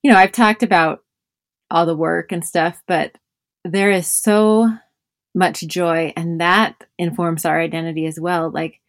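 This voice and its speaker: A woman's voice: fairly low pitch, fairly even intonation, measured pace, dry recording, clean studio sound. A woman in her thirties, a mother of five and podcast host, talking reflectively in a casual conversation with many fillers.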